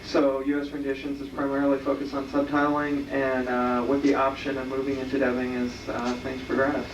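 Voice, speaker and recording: A man speaking on a convention panel in a halting way that repeats words, heard on an old VHS camcorder tape. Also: mid-range voice, monotone, reverberant, distant mic, muffled recording, background noise. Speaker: company representative on a convention panel. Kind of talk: panel talk. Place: large convention hall. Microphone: distant camcorder mic.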